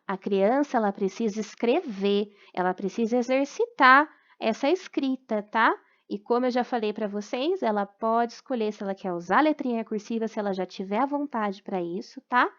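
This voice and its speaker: Patient Brazilian teacher explaining homework. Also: female voice, fairly high pitch, expressive, lo-fi sound. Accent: Brazilian Portuguese. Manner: patient, explanatory, frequent check-ins, slow syllable-by-syllable dictation. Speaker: primary school teacher. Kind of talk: recorded lesson correction for parents. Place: at home during quarantine.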